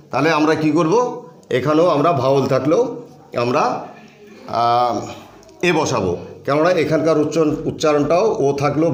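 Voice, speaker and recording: A man teaching a grammar lesson, explaining patiently step by step and repeating key phrases. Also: a little high. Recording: echoey room.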